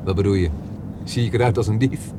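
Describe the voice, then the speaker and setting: A man's voice: fairly low pitch, a little fast, noisy background, lightly acted. A man dubbing a cocky young chauffeur who lies freely, speaking with breezy, teasing banter. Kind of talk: dubbed film dialogue.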